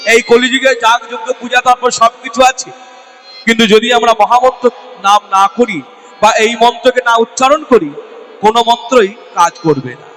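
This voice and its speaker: A man's voice: very high voice, fairly bright tone, in a large hall. A man preaching at a devotional gathering as a kirtan singer, asking the listeners questions and answering them himself. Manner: asks the audience rhetorical questions and answers them; addresses the women listeners directly. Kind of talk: devotional sermon with call-and-response chanting. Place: devotional gathering before a live audience.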